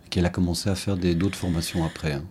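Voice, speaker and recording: Deep-voiced man asking questions. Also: little pitch movement, fast, a little hiss or hum. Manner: gentle, probing follow-up questions that recall earlier talks. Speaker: interviewer. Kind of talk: one-on-one interview.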